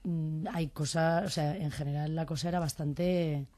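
A hoarse actress, chatting and joking as a guest on a radio show. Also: female voice, sits low, steady tone, moderate pace, mellow, no echo. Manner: chatty, joking, trails off and restarts. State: hoarse from pharyngitis. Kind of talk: casual radio chat.

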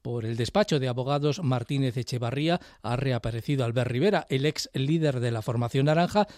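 A man reading the news as anchor in a steady, formal way. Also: medium pitch, a little fast, no echo, clean studio sound. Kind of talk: read news bulletin. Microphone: studio mic.

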